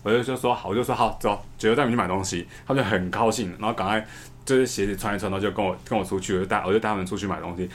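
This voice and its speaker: A man, telling a story in a casual podcast chat, fast, repeating words and laughing often. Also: lowish voice, steady tone, slight background noise. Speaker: podcast co-host.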